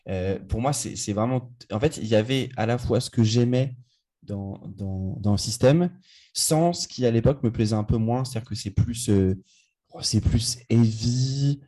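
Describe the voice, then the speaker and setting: A man's voice: mid-range voice, moderate pace, mellow. A man co-hosting a casual music podcast, enthusiastic and rambling with frequent restarts. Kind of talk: casual chat.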